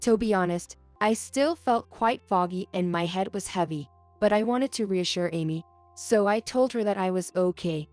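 A young adult woman reading a first-person story aloud as narrator, in a soft, earnest storytelling manner. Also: mid-range voice, normal speed, no room sound, faint music behind.

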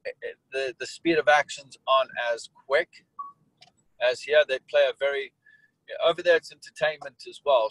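A man's voice: medium pitch, fairly bright tone, no echo, low-quality recording. A man from Malawi and South Africa, a soccer coach, answering interview questions in a rambling way with many restarts and fillers.

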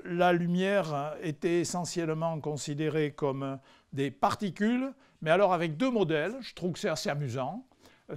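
Brief: French man, public science lecturer, mid-high voice, hesitant and chatty, wry humor. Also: a little mellow. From France. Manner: conversational, hesitant with frequent fillers; dry humorous asides to the audience. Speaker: physicist giving a public lecture. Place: lecture hall before a live audience.

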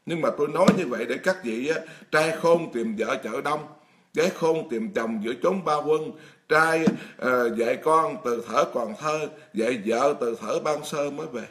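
Monk, middle-aged man, frank sermon voice, slightly high pitch, speaks straight to the hall. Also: normal speed, fairly bright tone. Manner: blunt, emphatic, addresses the congregation directly. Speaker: Buddhist monk preaching. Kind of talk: dharma talk sermon.

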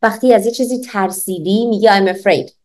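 A woman teaching an online English lesson, drilling phrases for repetition, slowing down to model them clearly and laughing often. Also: mid-range voice, a little mellow.

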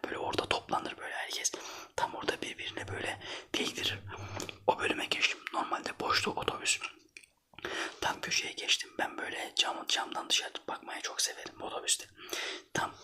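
A man from Trabzon in Turkey whispering a casual, rambling ASMR anecdote in breathy, colloquial, foul-mouthed speech. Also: sharp tone. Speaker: ASMR storyteller.

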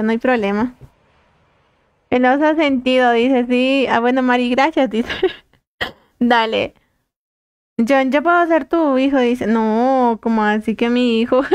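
High-voiced chatty woman streamer. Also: slight background noise. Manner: chatty, reads chat aloud, laughs often. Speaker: game streamer. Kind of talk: casual live-stream chat.

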